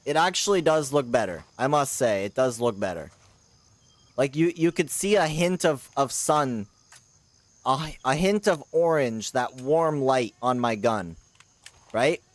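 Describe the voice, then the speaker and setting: A man streaming a shooter game live, chatting casually and rambling with slang, with sudden loud outbursts of surprise. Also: mid-range voice, animated, unhurried, no echo.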